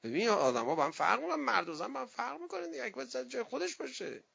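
Male cleric, high raspy voice, lively anecdotal sermon that mimics other people's voices, muffled lo-fi sound. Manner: lively storyteller who acts out quoted voices.

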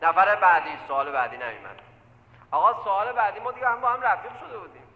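A man's voice: high voice, narrow, tinny audio. A man preaching a sermon from a pulpit, telling stories and turning to his listeners again and again, repeating phrases for emphasis. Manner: animated, often addresses the listeners directly as "sir". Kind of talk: sermon with storytelling. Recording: echoey hall with long reverb.

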